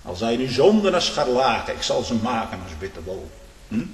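A man preaching a fiery sermon, swinging between loud declamation and low, confiding asides, often prodding his listeners with "hm?". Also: sing-song, normal speed. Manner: frequent questioning "hm?" to the congregation. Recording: echoey church hall, long reverb.

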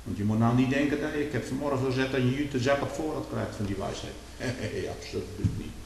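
A man's voice: brisk, vocal fry. Fiery preacher man in an echoey hall. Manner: fiery, swings from low murmurs to loud outbursts. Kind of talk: sermon. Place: church. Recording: echoey church hall with hiss.

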